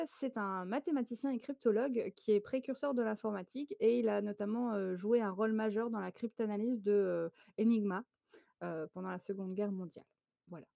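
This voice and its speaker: A woman's voice: medium pitch, gravelly, mellow, no echo, clean studio sound. A woman from France hosting a photo quiz on a live stream, chatty and laughing often as she greets viewers.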